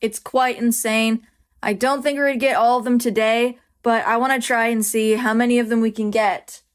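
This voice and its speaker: A woman hosting an excitable, giggly let's play commentary on a story game. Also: a little high, normal speed. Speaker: game streamer.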